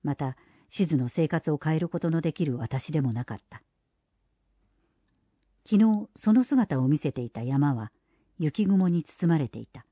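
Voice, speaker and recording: A narrator reading a literary novel in a calm, measured, reflective way. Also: medium pitch, dry recording. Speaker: audiobook narrator. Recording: dry, dull, slightly lo-fi.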